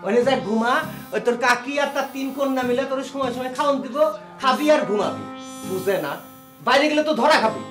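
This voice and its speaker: Middle-aged village father, belligerent drunk, sarcastic, rural Bangladeshi accent, high animated pitch, comic TV drama. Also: fast, music in the background.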